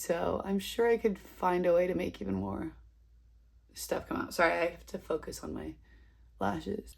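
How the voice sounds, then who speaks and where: Talking loosely to her camera while she does her makeup at home, a vlogger in her twenties uses a mid-range voice with vocal fry. She's a bit sniffly from a cold and adds some self-deprecating humor as she rambles.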